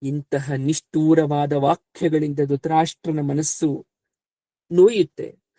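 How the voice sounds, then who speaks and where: A man telling a devotional story in a measured, deliberate way. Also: a little high, fairly even intonation, dark tone, dry recording. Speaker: spiritual storyteller.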